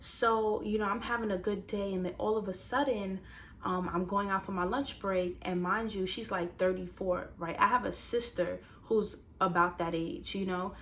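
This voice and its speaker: Animated young woman telling a story. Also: mid-range voice, normal speed, a little hiss or hum. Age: 20s. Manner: animated, conversational, addresses viewers directly. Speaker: vlogger. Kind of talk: casual storytelling and motivational talk.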